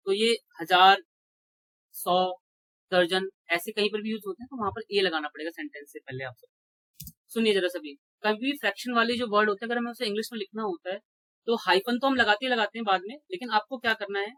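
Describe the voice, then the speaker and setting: A man's voice: high-pitched, brisk, pushed and bright, dry recording, rough recording. A male teacher walks his class through exam grammar rules one step at a time. He often checks that his students are following and answers his own questions. His voice is recorded dry and close, with no room sound. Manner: asks rhetorical questions and answers them. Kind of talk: exam-prep grammar lecture.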